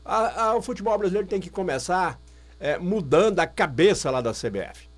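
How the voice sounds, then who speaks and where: Opinionated Brazilian man, lively pitch. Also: a little fast. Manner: opinionated, emphatic, repeats himself. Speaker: radio guest. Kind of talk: casual radio chat.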